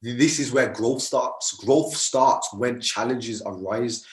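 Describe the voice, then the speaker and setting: A young man with a mid-range voice speaks slowly as a guest on a podcast, recorded with a roomy echo. A mindset coach, he talks earnestly and often ends sentences with "man" and "you get me."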